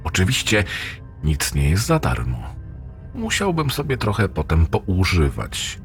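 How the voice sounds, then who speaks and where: A man voicing a gloating, crude male AI demon in a horror story reading, with a rough, mocking voice. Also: unhurried, faint music behind, exaggerated voice. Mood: menacing. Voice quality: rough, ugly, abusive voice. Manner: taunting, lewd, lively pitch swings.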